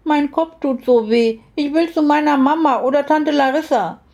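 A woman's voice: moderate pace, darkish tone, lo-fi sound. Woman doing a weepy frightened little girl. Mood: tearful. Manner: sobbing, high childlike pleading.

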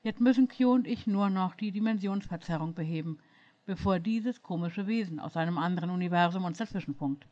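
A woman reading a first-person story aloud in a lively, expressive way. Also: on the low side, fairly quick, lo-fi sound.

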